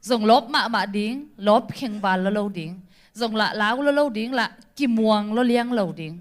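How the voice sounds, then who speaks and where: A woman speaking in a casual chat. Her delivery is easygoing and conversational, at an ordinary pitch. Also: moderate pace, smooth.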